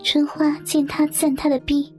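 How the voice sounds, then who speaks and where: A woman narrates a story in a high, soft voice. Her reading slips at times toward a whisper. Gentle guitar music plays behind her. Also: flat delivery, moderate pace.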